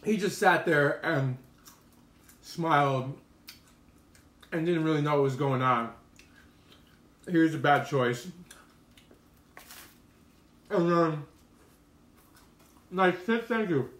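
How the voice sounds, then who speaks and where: Man, somewhat high-pitched, casual livestream chat, opinionated storytelling, slangy, echoey room. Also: takes it slowly, long pauses, a bit bright. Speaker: mukbang streamer. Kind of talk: casual rambling live-stream chat to viewers. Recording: roomy, echoey room sound.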